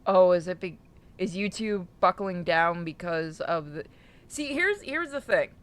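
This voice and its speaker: Speaking a little slowly, in a clear, resonant, mid-range voice full of expression, a streamer co-hosts a playthrough. They read the visual novel's narration aloud over game music, swearing freely and chatting in a casual way.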